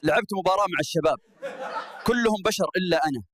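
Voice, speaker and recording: A man as a high-voiced cheeky Saudi monkey comedian. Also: lively intonation, very fast, a crowd in the background. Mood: cheeky, mock-aggrieved. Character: cheeky boastful male monkey stand-up comedian. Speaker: stand-up comedian. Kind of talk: stand-up comedy routine of short joke stories. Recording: clearly noisy recording.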